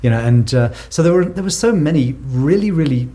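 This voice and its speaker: A South African man, a guest researcher on a conversational podcast, answers interview questions thoughtfully, often repeating words as he builds a point. His voice sits on the high side with an expressive delivery, a brisk pace and a dark tone.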